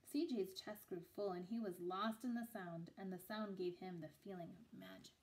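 A woman's voice: mid-range voice, lively intonation, normal speed, darkish tone, slight background noise, low-quality recording. A woman in her thirties reading a children's story aloud indoors. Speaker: picture book reader. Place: small room indoors.

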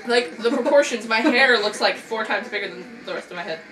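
A woman's voice: a little high, expressive, a little fast, a bit bright. A woman chatting casually on camera with a friend, giggling, teasing and cracking crude jokes, recorded on a webcam at home. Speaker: vlogger. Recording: roomy, distant webcam sound with music behind.

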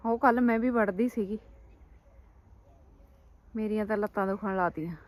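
A woman's voice: medium pitch, normal speed, a little mellow. A woman with a Punjabi accent chatting casually as a family vlogger, in a dramatic, exclaiming, scolding manner. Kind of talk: casual farm-chore chat.

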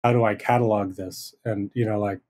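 A man talking casually as a podcast guest, relaxed and rambling, with fillers and restarts. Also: lowish voice, fairly quick. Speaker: guest, hardware designer. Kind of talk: casual interview chat.

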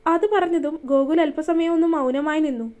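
A woman's voice: sits high, fairly even intonation, normal speed, darkish tone, lo-fi sound. A woman reading a romance story aloud, voicing every character's dialogue in her own voice. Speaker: narrator.

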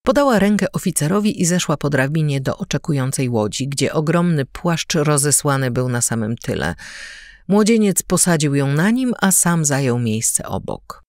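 Expressive woman reading an audiobook. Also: sits low, moderate pace, no room sound, clean studio sound. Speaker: audiobook narrator. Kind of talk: audiobook narration.

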